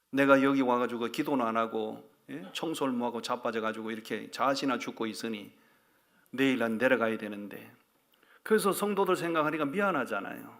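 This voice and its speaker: A man's voice: medium pitch, creaky, fairly bright tone. A male pastor delivers a sermon in a mid-range voice. He mixes folksy, humorous storytelling with direct appeals to the congregation.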